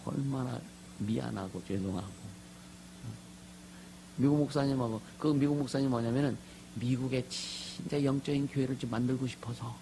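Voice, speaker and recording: Gravelly-voiced man preaching with fervor. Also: medium pitch, slight background noise, poor audio. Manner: animated, asks the congregation for amens, swings from soft asides to loud shouts. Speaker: pastor. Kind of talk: lively conference sermon.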